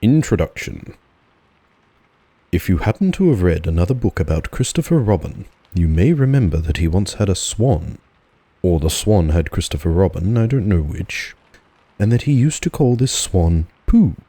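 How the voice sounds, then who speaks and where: With a husky edge to his low, mellow voice, a man narrates a storybook at an easy, unhurried pace, audiobook style. The sound is dry, without any echo.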